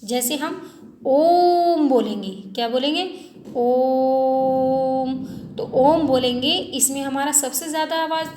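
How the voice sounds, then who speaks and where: A woman's voice: high voice, brisk, few pauses. A woman teaching a Hindi lesson to schoolchildren, asking questions and answering them herself, drawing out vowel sounds to show their length. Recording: echoey room with faint noise.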